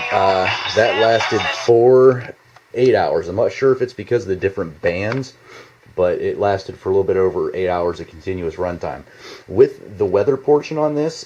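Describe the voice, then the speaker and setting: This gear review comes from a deep-voiced man with a darkish tone, demonstrating a product casually and without a script in his basement. Expect halting, rambling, informal talk with some mild cursing, recorded in slightly dull lo-fi home video sound.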